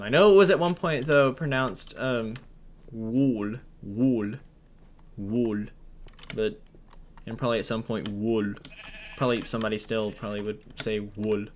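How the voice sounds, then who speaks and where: At home, a man gives casual gameplay commentary as a gaming commentator, rambling with lots of fillers and restarts. His mid-range voice carries a little hiss or hum, picked up by a headset or desk mic while he wears headphones.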